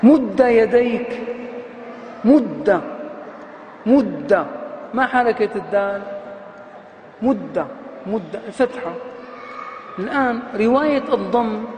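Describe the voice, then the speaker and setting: A man teaching a classical Arabic grammar lesson, who repeats and half-chants example words slowly, stressing each syllable. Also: high-pitched, slight background noise. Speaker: grammar lecturer. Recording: roomy hall echo, faint ambience.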